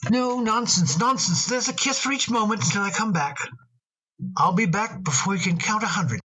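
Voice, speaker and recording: A man acting in an old radio drama as a tender father talking fondly to his daughter, gentle and a little halting. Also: high-pitched, husky, exaggerated voice, rough recording.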